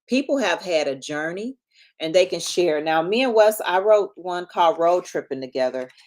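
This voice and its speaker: A woman in her fifties, a marriage and relationship coach, talking casually and in a lively way on a live stream. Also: fairly low pitch, normal speed. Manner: lively, chatty, self-deprecating asides.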